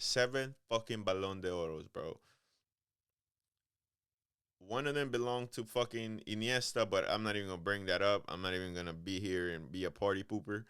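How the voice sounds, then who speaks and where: A man with a low, smooth voice hosts a casual podcast on his own. He rambles, swears freely and fills the gaps with ums and bro. The sound is dry and close, with no room around him. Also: fairly bright tone, no echo. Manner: profane, rambling, calls listeners bro; loose, hesitant delivery with many ums. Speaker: podcast host.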